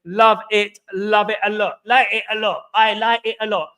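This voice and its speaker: The English livestream host's voice sits high and stays level, pushed and bright yet smooth, at a normal pace. He chats casually, reads out viewers' comments, names the people he greets and uses "absolutely" and "big up" again and again.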